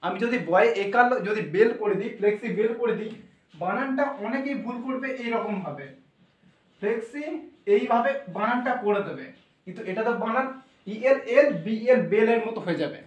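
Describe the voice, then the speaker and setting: A man's voice: very high voice, animated, normal speed. A man teaching English pronunciation, explaining step by step and asking his students questions. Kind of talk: explanatory classroom lesson. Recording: echoey room, voice from far off.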